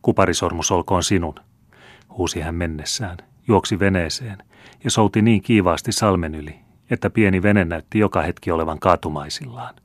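A man reading a classic novel aloud as audiobook narrator, in a calm, measured storytelling manner. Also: low voice, dry recording. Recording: dry close studio sound.

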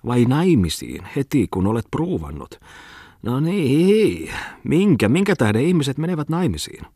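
A man voicing an excitable middle-aged man who rants in a whining, high-pitched voice. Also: husky, no room sound, clean studio sound. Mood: shrill, whiny.

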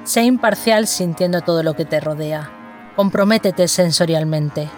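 A narrator leading a guided sensory meditation with slow, deliberate, instructional phrasing. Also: mid-range voice, a little mellow, faint music behind.

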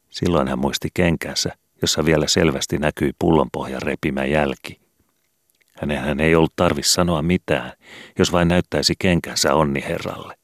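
A man reading a children's book aloud in calm, measured scripted narration. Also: very deep voice, dry recording, studio quality. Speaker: audiobook reader.

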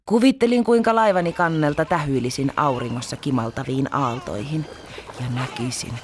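Low-voiced woman reading a storybook. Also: slight background noise. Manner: expressive, animated reading.

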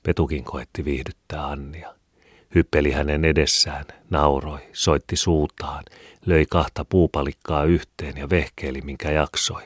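Male audiobook reader, very low voice, measured and even, dead-dry booth sound. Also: husky, no echo. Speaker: audiobook narrator. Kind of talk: scripted narration of a classic novel.

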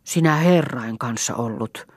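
A woman's voice: a bass voice, husky, dry recording. A woman reading an older widow in an audiobook, curious and mildly reproachful.

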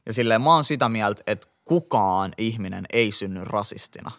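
A young man with a Helsinki accent, co-hosting a casual podcast chat, telling slangy stories animatedly with lots of fillers. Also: lowish voice. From Finland. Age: young adult. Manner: slangy, animated storytelling with laughs and many fillers. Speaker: podcast co-host.

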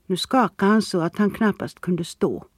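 A narrator reading a novel aloud in a steady, even storytelling manner. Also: medium pitch, breathy edge, dry recording, clean studio sound. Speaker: audiobook narrator. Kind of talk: scripted narration.

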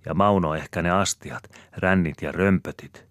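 A pushy, scheming country wife, as a male reader puts her on, pressing her point in an insistent, wheedling voice. She is pitched well above his own low voice and raised in volume. The sound stays dry and close. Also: fairly bright tone, dry recording.

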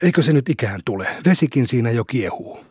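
A man reading an audiobook, voicing an anxious, fussy middle-aged farm wife who frets and calls out in exasperation, with a husky voice. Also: mid-range voice, animated, a little mellow, no room sound, studio quality. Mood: fretting.

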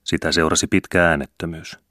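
A man narrating a novel as an audiobook reader, in a steady, measured storybook reading. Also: low-pitched, dry recording, clean studio sound. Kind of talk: scripted narration.

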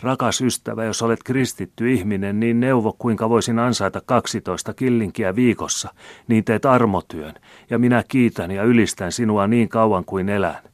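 A man's voice: low-pitched, no room sound, pitched above the performer's own voice, close to an everyday voice. A man reading aloud and voicing a greedy old male miser who pleads and whines in self-pity. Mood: frightened denial. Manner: wheedling, self-pitying pleading.

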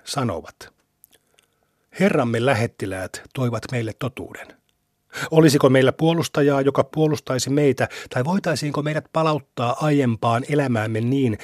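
A man reading scripture aloud in a measured, deliberate way, with his phrase ends trailing off breathy, on a close studio mic. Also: mid-range voice, dry recording. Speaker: scripture reader.

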